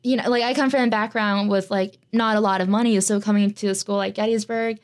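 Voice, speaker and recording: A young American student guest fields interview questions chattily, using lots of filler words. Her mid-range voice holds a steady tone and moves fast.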